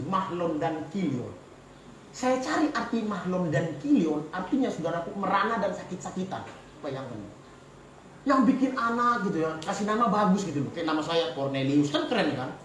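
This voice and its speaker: A pastor with a Batak Indonesian accent delivers a humorous sermon, telling stories with lively, animated swings of pitch. His voice sits fairly high for a man. He is heard in a roomy, echoing church hall from some distance, with faint noise behind. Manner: animated, joking, storytelling.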